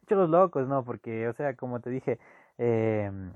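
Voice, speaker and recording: Young man, animated anecdote teller; dry, muffled lo-fi take. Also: medium pitch, unhurried, no room sound. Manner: animated, swings between loud bursts and hushed asides. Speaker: storyteller. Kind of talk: casual personal anecdote. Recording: dull lo-fi dry recording.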